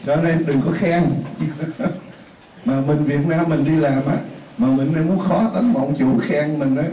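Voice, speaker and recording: A man's voice: fairly high pitch, moderate pace, mellow. A man teaching a class, explaining things in a chatty way with repeated examples and asides. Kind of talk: classroom lesson. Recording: roomy, distant mic, faint hiss.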